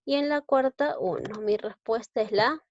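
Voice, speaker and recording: A Peruvian woman teaching grammar at an unhurried, measured pace. She walks through each point step by step and keeps checking in with her students. The sound is dull, lo-fi and dry. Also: fairly high pitch, no room sound. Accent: Peruvian Spanish. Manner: explains step by step, often checks with "¿no?" and "¿ya?". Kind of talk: slow, deliberate grammar lesson.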